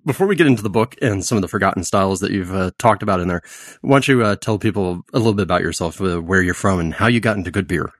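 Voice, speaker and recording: A man hosting a beer podcast, reading the intro and sponsor spots and chatting with quick, upbeat asides. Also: deep voice, no room sound, studio quality. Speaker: podcast host. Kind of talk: casual podcast hosting and read ads.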